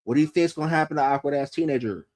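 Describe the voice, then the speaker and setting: A podcast host in his thirties talks loosely and profanely, laughing often in casual chat. His voice is on the high side and darkish, delivered very fast, with no echo.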